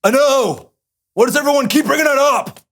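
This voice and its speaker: A drawling surfer-dude prophet, high gravelly voice, slow bouncy delivery. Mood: annoyed. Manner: slangy, drawling, excitable outbursts. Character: laid-back surfer-dude young prophet Elisha, male.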